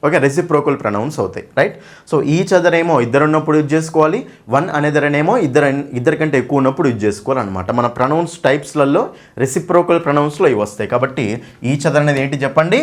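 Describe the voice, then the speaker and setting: A man's voice: on the high side, lively intonation, racing. A man teaching an English grammar class for exam preparation, asking questions and answering them himself. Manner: asks questions and answers them himself, frequent "okay?" and "right?"; addresses students fondly as "nanna". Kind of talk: exam-prep grammar lesson.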